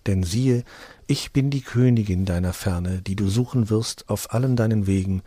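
A man voicing a serene, divine queen of a far-off realm, speaking calmly, solemnly and tenderly in a fairy tale reading. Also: lowish voice, normal speed, dry recording, natural voice.

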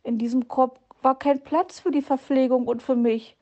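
A woman's voice: sits high, steady tone, moderate pace, darkish tone, highs cut off, voice pushed up. A woman voicing a cheeky little boy hedgehog who pleads with his mother, in a storybook reading. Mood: pleading. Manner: pleading, wheedling.

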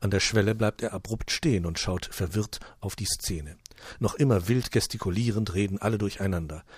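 A man reading a humorous short story aloud in a calm, even storytelling manner. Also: fairly low pitch, brisk, husky, no room sound, clean studio sound. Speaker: narrator.

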